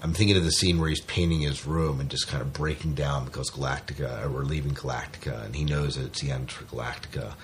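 A man with a rumbling low voice co-hosts a podcast, casually chatting through a review of a TV series, with slight background noise.

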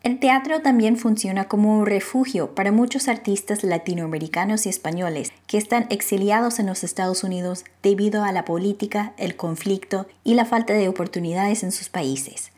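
A woman reporter delivering scripted narration for a radio feature. Her reading is measured and even. Her voice sits at a middling pitch for a woman.

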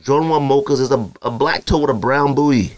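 A man from Arizona hosts a solo podcast, chatting casually in a rambling, slang-heavy manner and often imitating others. His mid-range voice moves fairly quickly, and the recording is dry.

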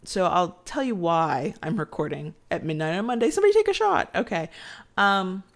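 A woman who has children hosts a relaxed late-night podcast with a nasal, stuffy voice from a sinus cold. She talks at a moderate pace in a fairly low, sing-song voice, tired and chatty, rambling and frequently beginning sentences again.

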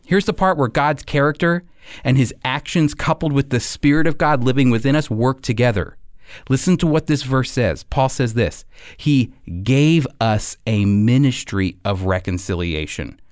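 A man acting as host and Bible teacher delivers a scripted radio sermon, speaking earnestly with deliberate, emphatic phrasing. His voice is mid-range, and the recording is studio quality with no echo.

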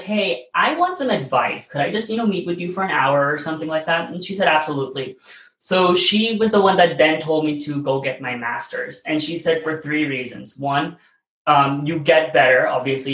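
A brisk, slightly high and fairly bright voice belongs to this late-twenties American interview guest. His storytelling wanders casually, stuffed with "like" and "you know," and the recording has a roomy echo.

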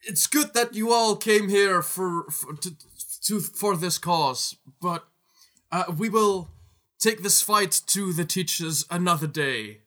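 An earnest student rabble-rouser played by a man in a fantasy tabletop game. The voice is bright, forceful and fairly high, declaiming to a crowd in halting bursts. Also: expressive, full character voice. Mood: placating.

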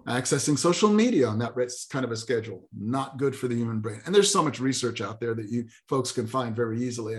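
An earnest man with a Jamaican accent talks as an interview guest. His voice sits at a middle pitch, and he repeats key words to stress them. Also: darkish tone. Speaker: guest speaker and author. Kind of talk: podcast interview.

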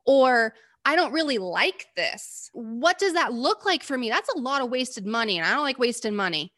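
An American woman in her forties, an interview guest telling a personal story in an animated way and acting out the voices she quotes. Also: a little high, normal speed. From United States.

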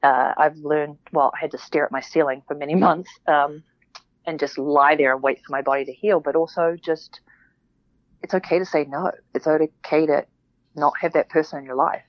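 A woman speaks in a low voice, reflective and unhurried, circling back through restarts and fillers. She is a guest on a casual interview podcast. The sound is dry and somewhat dull, like a lo-fi remote recording. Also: fairly even intonation, dry recording.

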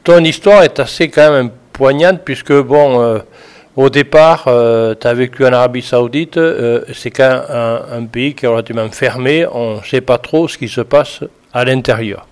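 A man hosting a radio interview, asking relaxed questions with many hesitations. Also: moderate pace, clear, resonant tone. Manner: scripted intro read low, then relaxed questioning with fillers. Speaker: radio host.

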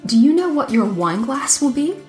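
Smug boastful male dragon, read by a woman, sly, smooth, coaxing, storybook voice. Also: high-pitched, very animated, normal speed, a little mellow, faint music behind, pitched above the performer's own voice.

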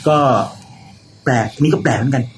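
A middle-aged man telling stories in a casual chat, animated and quick to laugh. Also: medium pitch. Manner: animated, laughs often, acts out quotes. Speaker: podcast host telling stories. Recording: noisy background.

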